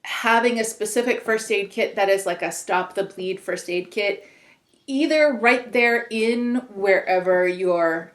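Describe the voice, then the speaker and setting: Echoes from the room surround a medium-pitched woman as she casually chats on the podcast she co-hosts, rambling through plenty of fillers.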